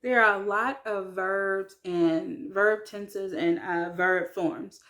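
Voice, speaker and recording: Slow, chatty woman vlogger. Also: mid-range voice, steady tone, fairly bright tone. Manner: chatty, hesitant, with many fillers. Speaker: French learner vlogger. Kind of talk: casual vlog talk.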